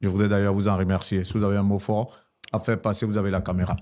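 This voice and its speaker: A man's voice: lowish voice, little pitch movement, fast, a little mellow. A man hosting a political interview, probing and pushing back on his guest.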